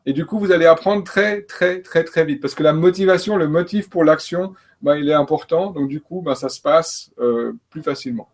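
A French-speaking male coach and trainer talks on a panel about learning, his voice a little high and slightly raised. He keeps a moderate pace with few pauses, yet sounds hesitant, full of fillers and restarts.

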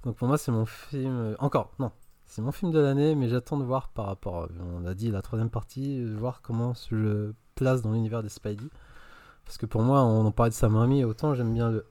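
A man reviewing a film on a podcast, enthusiastic and opinionated, often pausing on fillers. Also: mid-range voice, dark tone, dry recording. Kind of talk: casual podcast chat.

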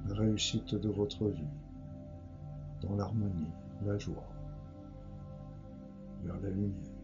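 A man leading a guided relaxation like a sleep story narrator, speaking gently and slowly in a hushed delivery with long pauses. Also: sits low, steady tone, gravelly. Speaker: guided meditation leader. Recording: dull lo-fi sound with music behind. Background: meditation music.

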